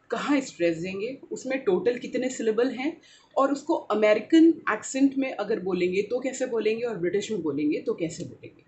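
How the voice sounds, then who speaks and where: A woman English teacher with an Indian accent explains pronunciation. She switches between Hindi and English and says each example word slowly. She often checks in with "right?" and fills gaps with "uh, you know.". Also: mid-range voice, darkish tone, a little hiss or hum. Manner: slow, drawn-out modelling of example words. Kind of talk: explaining to camera.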